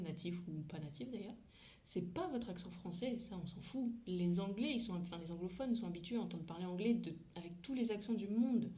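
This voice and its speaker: A woman's voice: medium pitch, mellow, dull audio. A woman English teacher talking casually in a podcast, chatty and frank, laughing often and using crude slang.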